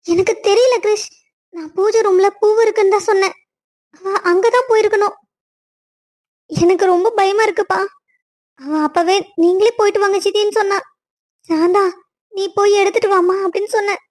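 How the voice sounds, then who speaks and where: A woman's voice: extremely high pitch, steady tone, moderate pace, long pauses, a little mellow. A woman voicing a frightened, anxious aunt in a cartoon story, speaking in a pleading way. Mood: fearful.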